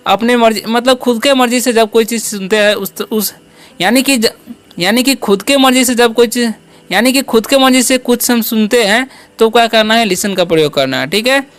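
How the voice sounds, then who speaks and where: A woman teaching an English lesson, spelling words out slowly and asking and answering her own questions with a frequent "okay". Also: fairly high pitch. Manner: asks and answers own questions, repeating "ठीक है"; slow, careful spelling-out of words.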